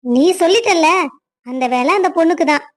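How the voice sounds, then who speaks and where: A woman voicing a middle-aged aunt in a cartoon family story, sharp and commanding with a teasing edge. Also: very high-pitched, animated, fairly quick. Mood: bossy.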